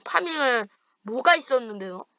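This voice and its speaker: Bright, teasing young gamer woman. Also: high voice, lively intonation, normal speed, clear, resonant tone, no room sound, muffled recording. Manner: playful teasing trash talk. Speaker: gaming channel host. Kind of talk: casual chat while playing online with a friend.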